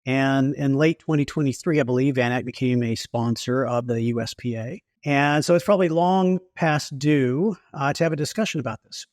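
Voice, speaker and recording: A man's voice: mid-range voice, moderate pace, few pauses, a little mellow, dry recording, studio quality. A man hosting a podcast, introducing his guest and asking curious, friendly questions. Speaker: podcast host. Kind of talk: podcast interview.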